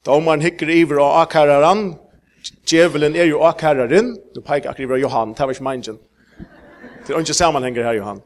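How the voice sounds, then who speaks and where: Emphatic preacher, man. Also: fairly high pitch. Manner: halting with many fillers, rising to emphatic peaks. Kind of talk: sermon.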